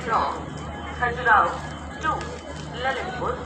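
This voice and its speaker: Slow echoey station announcement voice. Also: medium pitch, lively intonation, loud music behind the voice. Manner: slow, formal and drawn-out. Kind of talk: public address announcement. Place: railway station loudspeaker. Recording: distant echoey loudspeaker with crowd.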